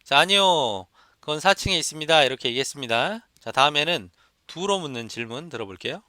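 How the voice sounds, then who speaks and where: A man's voice: fairly high pitch, expressive, a little fast, bright, forceful tone, dry recording, studio quality. A man teaching an exam listening lesson, explaining step by step and repeating examples for students to copy. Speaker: English test instructor. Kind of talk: lecture.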